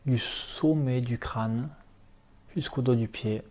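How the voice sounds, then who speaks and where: A male yoga nidra relaxation instructor guides a relaxation meditation in a mid-range voice. He speaks calmly, giving short, unhurried instructions.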